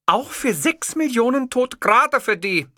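A man's voice: extremely high pitch, animated, a little slow, pushed and bright, no room sound, clean studio sound, pitched above the performer's own voice, full character voice. A man voicing a young, impatient female journalist who asks curt, probing questions in an audiobook. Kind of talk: audiobook character voice.

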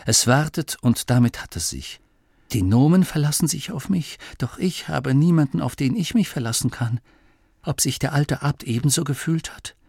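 A man voicing a young, put-upon gnome leader in an audiobook, talking in a rushed, fretful, self-pitying way. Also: medium pitch, lively intonation, gravelly, darkish tone, breathy edge, dry recording, studio quality, pitched above the performer's own voice. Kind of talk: audiobook character voice.

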